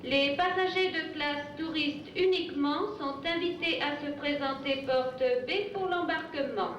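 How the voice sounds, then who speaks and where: High-voiced woman announcing over an airport PA. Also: slight background noise. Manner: measured, formal delivery. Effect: over an airport PA loudspeaker. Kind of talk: formal flight announcement. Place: airport terminal. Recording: echoey terminal PA from far off.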